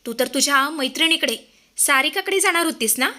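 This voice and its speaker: Brief: woman reading an outraged young husband, bright and high. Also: brisk. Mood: angry shock. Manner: pleading, indignant. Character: angry, shocked young husband.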